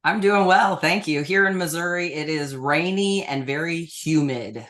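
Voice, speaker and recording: Low-voiced woman hosting an interview. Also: measured pace, fairly bright tone. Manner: reads the guest introduction from a script. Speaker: podcast host.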